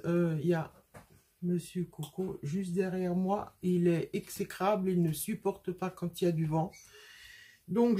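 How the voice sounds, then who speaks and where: Chatty woman with a mellow voice. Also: fairly low pitch. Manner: chatty, many hesitations. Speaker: craft tutorial host. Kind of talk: casual craft tutorial.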